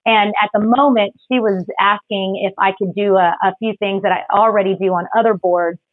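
A woman from the Philippines, raised in Texas, talking quickly and chattily as an interview guest, laughing often. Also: medium pitch, steady tone, no room sound, phone-quality sound. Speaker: guest, business services rep. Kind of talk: casual interview.

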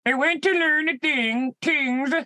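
A woman's voice: high voice, slow, pushed and bright, no room sound, clean studio sound. A woman co-hosting a comedy podcast, playful and self-mocking, laughing often in casual chat. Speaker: podcast co-host, voice actor.

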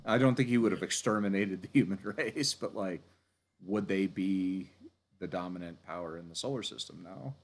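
A man co-hosting a casual podcast, animated and giggly, with lots of filler words. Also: low voice, moderate pace. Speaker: podcast co-host.

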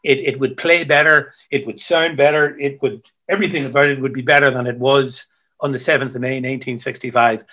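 Guy on a video call, keeps stumbling over his words, mid pitch. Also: fairly even intonation, pushed and bright. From Ireland. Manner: halting, repeats words, storytelling. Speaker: guest musician. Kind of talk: casual interview chat.

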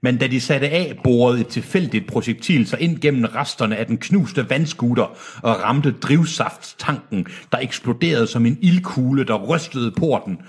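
A man's voice: medium pitch, expressive, hardly any pauses, husky. A man co-hosting a comedy podcast, reading a novel aloud and breaking off to mock it and trip over words. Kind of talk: comedic read-along, mocking the text.

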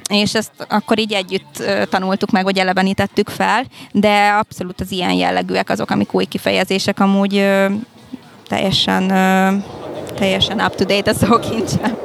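Female podcast guest, creaky voice with moderately restrained melody, conversational, hesitant as she searches for words. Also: mid-range voice, level tone. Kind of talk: casual conversational interview.

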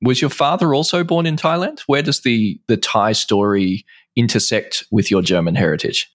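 A man's voice: medium pitch, moderate pace, no echo. A man hosting a business interview, asking questions in an affable, encouraging way. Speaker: interviewer, podcast host. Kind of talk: conversational interview.

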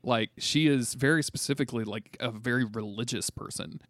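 A tired man with a slightly high, gravelly voice rambles casually as a podcast co-host. He halts and swears as he talks through comics, and the sound is close and dry. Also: a bit bright, no room sound. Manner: halting, rambling, profane. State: tired from very little sleep. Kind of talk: casual comic book discussion.

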